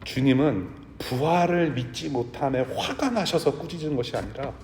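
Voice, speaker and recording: A man preaching a sermon to his congregation in a church, talking in a conversational way and sometimes dropping to a hush. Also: mid-range voice, animated, moderate pace, a little hiss or hum. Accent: Korean with English words mixed in. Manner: conversational preaching, drops to a hush for tender lines. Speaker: pastor. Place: church sanctuary. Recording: echoey church hall.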